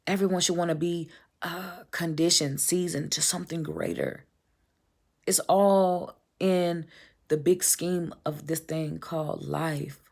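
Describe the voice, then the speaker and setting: A woman's voice: on the low side, fairly even intonation, measured pace, gravelly, darkish tone. A woman giving an emphatic, blunt motivational monologue, swearing casually and calling the listener baby. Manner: emphatic, preachy, repetitive. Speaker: vlogger.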